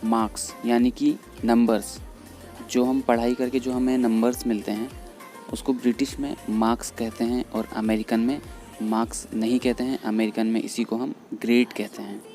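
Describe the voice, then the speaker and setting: A man explaining English vocabulary in Hindi, patiently repeating each word slowly. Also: mid-range voice, little pitch movement, mellow. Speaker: English teacher. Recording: faint background music under voice. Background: faint background music.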